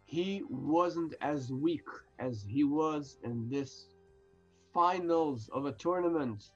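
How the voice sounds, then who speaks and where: A man's voice: on the high side, takes it slowly, muffled recording, soft background music. A man co-hosting a casual wrestling chat, trading dry, wry quips and mock arguments. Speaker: podcast co-host.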